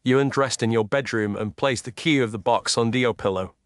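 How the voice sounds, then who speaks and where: A man voicing Sherlock Holmes, a shrewd, self-assured gentleman detective with a precise, formal, deductive manner, in an audiobook. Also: medium pitch, brisk, no room sound, close to an everyday voice. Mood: brisk, intent. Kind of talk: audiobook character dialogue.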